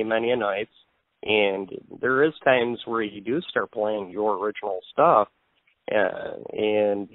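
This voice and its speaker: Low-voiced interviewer on a tinny phone line. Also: male voice, no room sound. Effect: heard over a phone line. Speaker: magazine interviewer.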